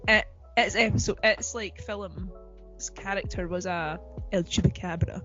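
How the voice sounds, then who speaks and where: A woman's voice: mid-range voice, fairly even intonation, measured pace, fairly bright tone, muffled recording, soft background music. A woman co-hosting a podcast in casual chat, talking in a chatty, giggly way with lots of fillers. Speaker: podcast co-host.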